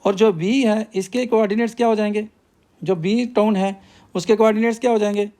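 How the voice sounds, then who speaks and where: A man's voice: sits high, steady tone, brisk, warm tone. A male math teacher, working through a problem step by step and asking himself questions before he answers them.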